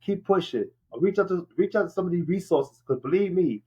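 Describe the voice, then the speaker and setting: A man sharing his experience as a guest in casual talk, halting and often checking that he is understood. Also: high voice, animated, warm tone, husky, highs cut off. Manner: halting, peppered with 'you know what I mean' check-ins. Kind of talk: casual conversational testimony.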